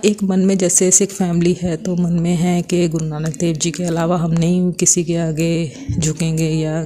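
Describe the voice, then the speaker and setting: A woman's voice: on the low side, mellow. A woman in her forties with a Punjabi accent, earnestly telling a devotional testimony and often addressing the congregation directly.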